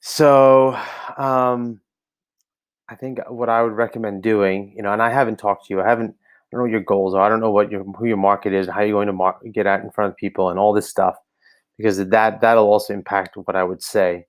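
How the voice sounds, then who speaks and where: His fairly low voice stays level and brisk as this American reviewer works through a website for coaches, recorded indoors by a laptop camera. The feedback is casual and halting, full of ums, restarts and thinking aloud.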